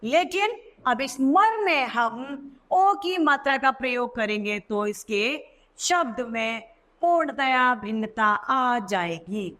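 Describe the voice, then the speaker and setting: A woman teacher narrating a children's language lesson, slow and emphatic, stressing key words in a sing-song way. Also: a little high, lively intonation, a bit bright. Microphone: voice-over.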